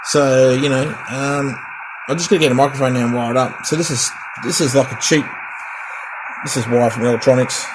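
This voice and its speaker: A middle-aged Australian man with a steady, mid-range voice speaks a little fast as he casually demonstrates and tests a radio. The hobbyist vlogger is chatty and rambling, repeating himself and his test counts. Noticeable background noise fills this home recording.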